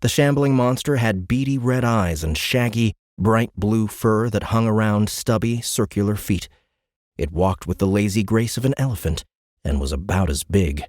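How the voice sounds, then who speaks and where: A low-voiced man narrates fiction for an audiobook in a dramatic, scripted storytelling style. His tone is a little mellow, and the recording is close and dry with no room sound.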